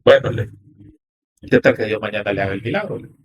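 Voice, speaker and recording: A man's voice: fairly low pitch, expressive, fast talker, slightly rough. A man from Honduras, a podcast guest who tells a story animatedly and quotes each line of dialogue. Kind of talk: storytelling interview.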